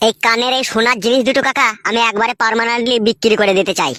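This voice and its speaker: A woman playing a rough young village husband in a comic skit, swearing and talking crudely. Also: a little high, steady tone, very fast, fairly bright tone, dry recording, studio quality, lightly acted. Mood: wheedling.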